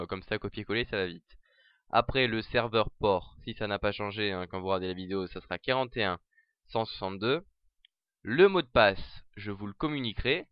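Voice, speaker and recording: A man giving a casual, chatty software tutorial over a screen recording, full of fillers and restarts. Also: on the low side, smooth, dry recording, lo-fi sound.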